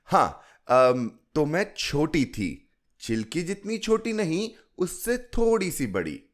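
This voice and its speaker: A man voicing a fond fifty-year-old woman who coaxes a child with a story in a gentle, lilting way. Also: fairly high pitch, big pitch swings, slow, pitched above the performer's own voice. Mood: coaxing. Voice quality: coaxing, storytelling lilt.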